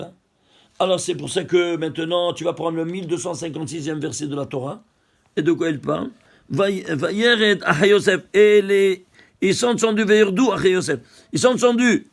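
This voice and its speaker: A man's voice: a little high, gravelly. A man, a rabbi, giving a Torah lesson, emphatic and marveling aloud, asking rhetorical questions and answering them himself.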